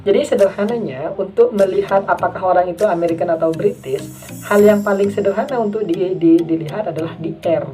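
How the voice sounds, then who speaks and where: Casual tutor, woman, Indonesian accent, low mellow voice, drills example words slowly; distant mic, faint music. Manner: chatty, repeats example words slowly, drawn-out demonstrations. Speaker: English pronunciation teacher. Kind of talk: casual video lesson.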